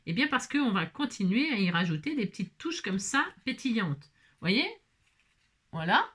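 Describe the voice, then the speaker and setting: A woman's voice: mid-range voice, big pitch swings, moderate pace, fairly bright tone, husky. An older woman hosting a casual crafting tutorial, talking chattily to her viewers. She rambles, corrects herself often and laughs lightly as she works. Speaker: craft video host.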